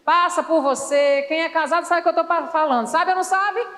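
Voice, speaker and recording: A woman's voice: very high voice, brisk, fairly bright tone. A Brazilian woman preaching a sermon in church, playful and calling on the congregation to answer back. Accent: Brazilian Portuguese. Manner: playful, calls for congregation responses. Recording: long reverb of a church hall.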